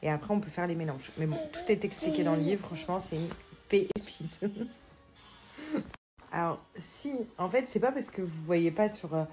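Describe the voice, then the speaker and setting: A woman's voice: on the low side, animated. Chatty woman vlogging to camera. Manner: candid, chatty, thinks aloud with frequent pauses. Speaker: mother and vlogger. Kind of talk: casual vlog chat to camera.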